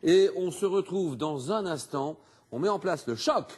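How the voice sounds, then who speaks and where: A man hosting a TV quiz show, animated and exclamatory, reading clues and teasing contestants in a studio. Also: fairly high pitch, a little slow, breathy edge.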